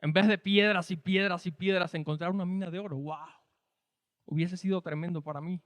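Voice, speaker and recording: Man, Cuban accent, preacher, high voice, dry close sound with a long hall tail. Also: steady tone, fairly quick, a bit bright. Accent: Cuban Spanish. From Cuba. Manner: explanatory, conversational, rhetorical questions. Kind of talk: sermon teaching.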